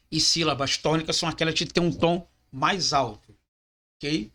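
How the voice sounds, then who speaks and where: A man's voice: fairly high pitch, pushed and bright. A man teaching a lesson, explaining step by step and often checking in with the class. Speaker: Hebrew teacher. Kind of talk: classroom lecture.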